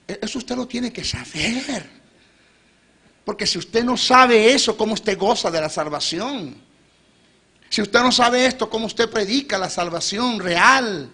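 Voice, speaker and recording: A middle-aged Venezuelan man preaching a sermon in church, emphatic and rising to loud peaks, asking the congregation questions. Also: high voice, breathy edge. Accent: Venezuelan Spanish.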